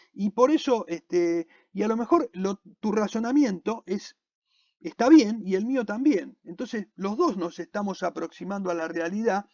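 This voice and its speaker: An Argentine man gives a university accounting lecture in a fairly high voice. He talks through ideas with many restarts and checking questions. The recording is dull, lo-fi and dry. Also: darkish tone, dry recording. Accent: Argentine Spanish. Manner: explains with frequent restarts and checking questions to the student. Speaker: accounting teacher.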